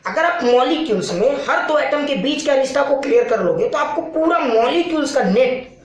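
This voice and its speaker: A man's voice: extremely high pitch, animated, moderate pace. A male physics teacher giving a casual classroom lecture, explaining with playful analogies and often checking that students follow. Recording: very echoey room.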